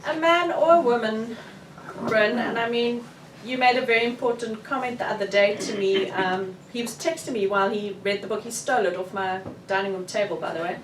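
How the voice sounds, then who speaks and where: A woman's voice: fairly high pitch, brisk. A woman with a South African accent, an author speaking frankly and with animation at a book launch event. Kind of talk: candid book launch discussion. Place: bookshop event room. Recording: roomy, distant, with faint room noise.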